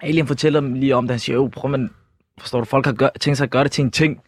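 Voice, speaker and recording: A man co-hosting a casual talk show, telling his side of the story with excited slangy banter. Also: medium pitch, no room sound, studio quality. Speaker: podcast co-host. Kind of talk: casual chat.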